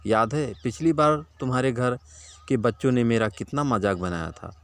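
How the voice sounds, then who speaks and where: A man's voice: medium pitch, normal speed, natural voice. A man voicing a lazy, gluttonous fat village man who scolds and grumbles at everyone. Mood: grumbling, bossy.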